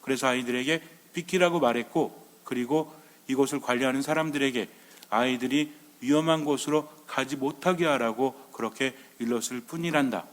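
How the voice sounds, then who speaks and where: A man voicing a gentle, protective uncle in a fairy tale, speaking softly and calmly. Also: medium pitch, fairly quick, lightly acted. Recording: long reverb.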